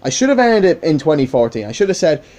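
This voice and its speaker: A man's voice: fairly high pitch, big pitch swings, quick pace, darkish tone. A young man talking casually about his channel in a rambling, self-correcting way, with swearing. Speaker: YouTube channel creator. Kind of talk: casual vlog monologue.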